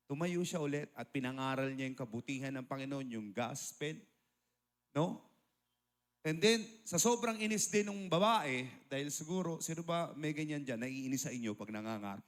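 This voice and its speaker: A male pastor preaching a sermon, mixing in English and asking rhetorical questions of the congregation. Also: medium pitch.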